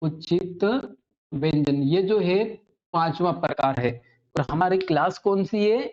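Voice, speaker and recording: A woman teaching a Hindi grammar lesson to students. She often checks in with "ठीक है?" and slows right down to spell out sounds and definitions. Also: fairly low pitch, a little mellow. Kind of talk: online classroom lesson. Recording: slightly dull lo-fi audio.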